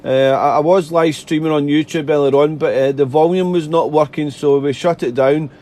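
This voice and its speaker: Higher-pitched man working the radio. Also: fairly even intonation, moderate pace, dark tone. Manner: chatty, repetitive, polite, spells out callsigns phonetically. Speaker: amateur radio operator, live streamer. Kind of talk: radio contact chat and callsign callouts. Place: radio desk indoors.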